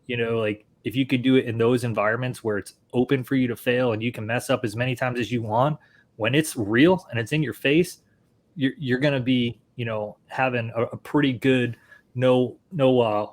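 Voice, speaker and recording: A man's voice: medium pitch, fairly even intonation, normal speed. A man with an American accent, a podcast co-host, talking earnestly about training and often repeating words as he goes. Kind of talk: casual podcast interview.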